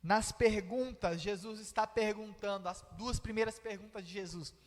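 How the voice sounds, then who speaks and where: A man's voice: high-pitched, normal speed. A Brazilian man preaching a sermon in a church, explaining a text and acting out its dialogue, with a Brazilian Portuguese accent. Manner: explanatory, acts out quoted dialogue. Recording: reverberant church hall.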